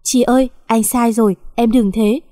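A woman's voice: on the high side, fairly even intonation, brisk, warm tone, no echo, studio quality, natural voice. A woman reading the lines of a remorseful young husband begging forgiveness, in a pleading tone.

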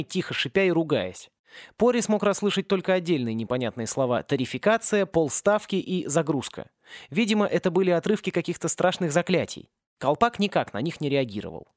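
A man narrating a satirical fantasy audiobook in a lively, wry storytelling manner, on a close mic. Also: a little high, no room sound. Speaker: audiobook reader.

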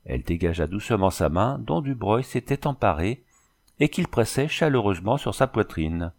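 A man reads a classic novel aloud with a measured, even storytelling manner. His voice sits on the low side. The reading is calm and unhurried. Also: gravelly. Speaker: audiobook narrator. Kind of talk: scripted narration.

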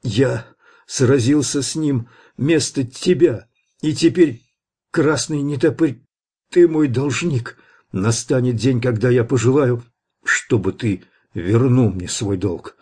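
A man voicing a wounded, exhausted young man in an audiobook, speaking hoarse and strained. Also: lowish voice, slow pace, mellow.

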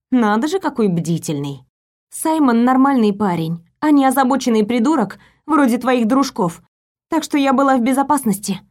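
Give me a woman with a mellow voice reading a first-person audiobook. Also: a little high. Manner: lively storytelling, voicing the heroine. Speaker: audiobook narrator.

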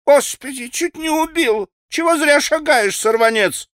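A man voicing a flustered, chattering old servant woman in a high, shrill falsetto for an audiobook. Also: measured pace, fairly bright tone, dry recording, clean studio sound. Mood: scolding. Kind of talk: audiobook character voice.

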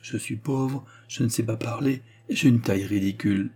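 A man voicing a shy, awkward young country nobleman who speaks hesitantly and softly. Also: medium pitch, normal speed, slightly rough. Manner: hesitant, soft, self-deprecating.

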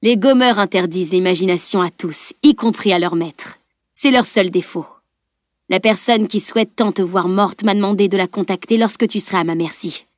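A woman's voice: medium pitch, normal speed, no echo, studio quality, lightly acted. A woman voicing a cruel male mercenary who speaks in a cold, mocking way. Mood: gloating. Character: cruel gloating male mercenary, calm and menacing.

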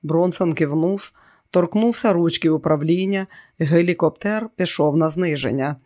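An audiobook narrator reading a thriller in a steady, even storytelling manner. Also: mid-range voice, normal speed.

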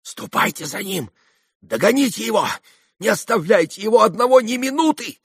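A man's voice: high voice, lively intonation, moderate pace, creaky, husky, dry recording, clean studio sound, pitched above the performer's own voice, exaggerated voice. A man voicing a bitter, hysterical noblewoman. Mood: urgent. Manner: sharp, hysterical outbursts and urgent whispers. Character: proud, volatile young noblewoman, bitter and feverish.

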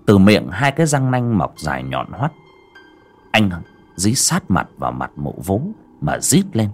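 A man's voice: deep voice, very animated, unhurried, soft background music. A man narrating a horror audiobook with dramatic storytelling.

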